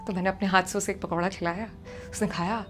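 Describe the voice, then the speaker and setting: Animated young woman telling a comic story. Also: mid-range voice, quick pace, soft background music. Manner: chatty, animated, mixing in English phrases.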